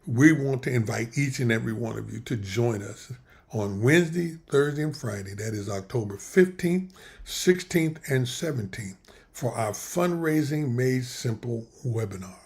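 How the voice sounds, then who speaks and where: A pastor hosts a livestream that mixes casual talk with prayer, rambling and restarting often while losing his voice. He speaks animatedly at normal speed, his medium-pitched voice a little mellow with vocal fry.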